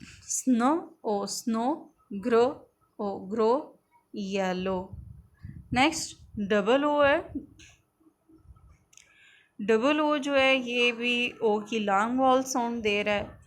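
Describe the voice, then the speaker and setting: A woman teaching a phonics lesson, slowly sounding out letters and words one by one. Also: fairly high pitch.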